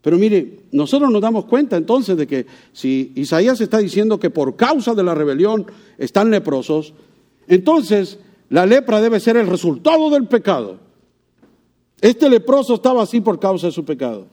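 A man's voice: high voice, very animated, normal speed, mellow. A man preaching a sermon in to a congregation, asking them questions and acting out quoted voices. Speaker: pastor.

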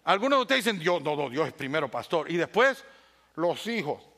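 A man preaching a sermon as pastor, swinging between loud bursts and hushed asides, with playful humor. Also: on the high side, very animated, a little fast.

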